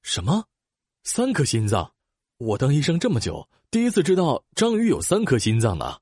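Woman doing polite nerdy dolphin doc, kids story, husky, really up and down, earnest. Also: deep voice, wildly swooping pitch, normal speed, darkish tone, dry recording, studio quality, exaggerated voice. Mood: amazed. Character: curious, polite dolphin doctor, earnest scientist. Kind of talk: children's audio story acting.

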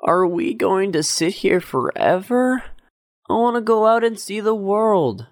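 A woman's voice: mid-range voice, lively intonation, unhurried, darkish tone, dry recording, studio quality, voice pushed down, close to an everyday voice. A woman doing a restless eldest pea boy. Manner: impatient, bold.

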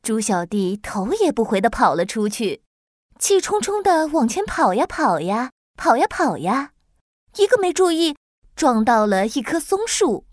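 A woman narrating a children's story in an expressive, lilting way. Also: fairly high pitch, unhurried, dry recording, studio quality.

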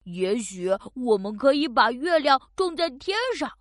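A young bear cub from a children's audio story, earnest and full of wonder. The voice is high and lively, with unhurried phrasing and a close, dry sound. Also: female voice, no echo. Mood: thoughtful, encouraging. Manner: hesitant, wondering, exclamatory.

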